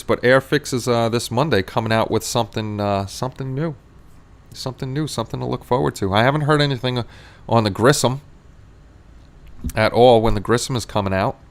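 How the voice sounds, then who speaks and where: A middle-aged man with a Queens New York accent chats casually as a livestream host, rambling along and repeating his phrases. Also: medium pitch. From Queens, New York City, USA. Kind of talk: casual chat, reading and answering live chat.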